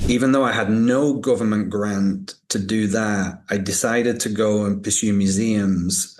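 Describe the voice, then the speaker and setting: A man in his fifties with a Northern English accent softened by American, telling his own story reflectively as an interview guest, often repeating words as he goes. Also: on the low side. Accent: Northern English softened by American, transatlantic. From Northern England. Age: 50s. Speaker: podcast guest, museum director. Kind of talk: conversational interview, personal storytelling.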